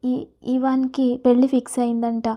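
A heartbroken young woman, sulky and short with her replies, read by a woman in a high, flat voice. The storybook audio is dull and lo-fi. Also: moderate pace, natural voice.

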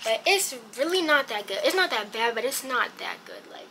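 A woman's voice: sits high, animated, moderate pace, background noise. A teenage girl chatting casually to her vlog camera, full of slang and fillers. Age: teens. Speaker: vlogger. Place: kitchen, then street and gym. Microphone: handheld camera at arm's length.

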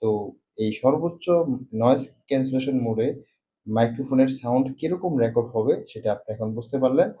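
A tech reviewer gives an indoor product demo, explaining it step by step with fast, repetitive phrasing. His mid-range voice has a warm tone, and noise-cancelling processing leaves noise reduction artifacts.

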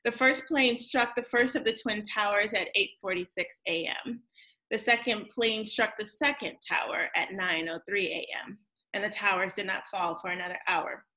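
A woman in her forties, a professor telling a story in a conversational, deliberate speech over a video call. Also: medium pitch, bright, forceful tone, poor audio. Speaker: law school professor giving closing remarks. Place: indoors on a group video call.

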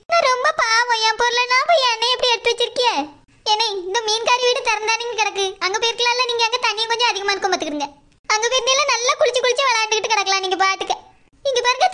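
A very high, bright, squeaky cartoon voice of a timid village woman, as a woman voices her with a Kanyakumari Tamil accent. She talks fast and pleads and whines without a break. She sounds like a fearful character in a storybook cartoon. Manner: pleading, whiny, tearful. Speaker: cartoon voice artist.

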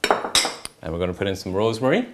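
Over the sizzle of pans in a noisy home-style kitchen, a deep-voiced chef in his thirties demonstrates a recipe, speaking a little fast. He keeps his step-by-step directions relaxed as he cooks indoors.

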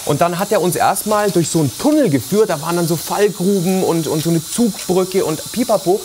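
A man co-hosting a cooking show in a studio kitchen, telling a lively travel anecdote. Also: high voice, a little fast, a little hiss or hum. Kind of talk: casual storytelling.

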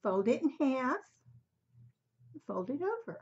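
Husky older woman, slightly muffled. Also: high voice, big pitch swings, darkish tone. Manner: halting, unhurried, conversational. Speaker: craft tutorial host. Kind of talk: casual craft demonstration. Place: home craft room, indoors. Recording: slightly dull, muffled sound.

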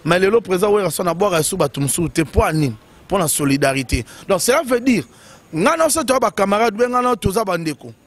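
A man's voice: high-pitched, expressive, quick pace. A man giving casual, emphatic commentary on music news in short bursts full of fillers.

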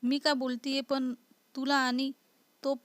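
A woman voicing an indignant young wife who is easily scared and quick to sulk. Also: high voice, flat delivery, no echo. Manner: indignant, sulky.

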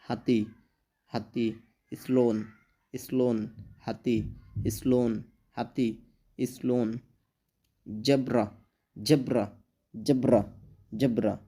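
Young male language tutor, unhurried and repetitive, soft warm tone, patient drill delivery. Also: medium pitch, flat delivery. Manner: repeats each word slowly several times. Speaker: language teacher. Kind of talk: vocabulary lesson with repetition.

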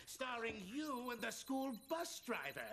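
An actor playing a prim, formal, easily flustered school principal. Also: male voice, very high-pitched, very animated, unhurried, background noise, full character voice. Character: fussy middle-aged school principal. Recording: cartoon soundtrack with loud music.

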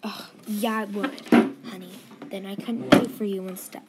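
Woman as a tired mom, grumpy, sighing, apologetic, mid-pitched voice, home-made skit. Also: little pitch movement, normal speed, heavy background noise, natural voice. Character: tired grumpy mother of two girls.

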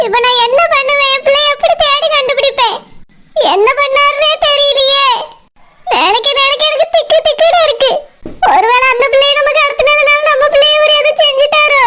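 A voice actor playing a tearful, worried middle-aged village mother with a Tirunelveli Tamil accent in a cartoon. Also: extremely high pitch. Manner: weepy, pleading. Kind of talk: cartoon dialogue. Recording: loud background noise.

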